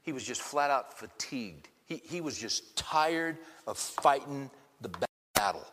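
In a mid-range voice with lively intonation and a fairly bright tone, the pastor, a man in his fifties, keeps a measured pace. His sermon to the congregation is chatty and full of rhetorical questions, recorded with the long reverb of a large church hall.

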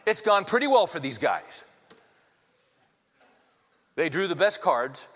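Slow and sing-song, a man in his fifties with a high-leaning, fairly bright voice delivers a sermon as pastor, chatting with the congregation and asking them question after rhetorical question. The large church hall gives the sound a long reverb.

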